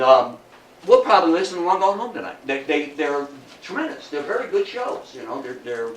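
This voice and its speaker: In a roomy, distant recording with faint noise, an older lecturer gives a chatty, folksy history talk indoors, asking his audience rhetorical questions. His voice is fairly high in pitch and a bit bright.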